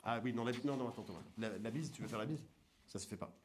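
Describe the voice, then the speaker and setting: An actor playing a pushy job-interview coach who lectures, interrupts and keeps restarting the drill, in a film comedy scene. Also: male voice, fairly low pitch, fast, slight background noise, close to an everyday voice.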